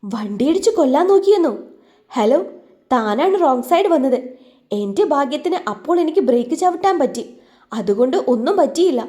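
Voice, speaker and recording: A woman voicing a calm, reasonable young man who speaks soothingly. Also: high voice, fairly quick.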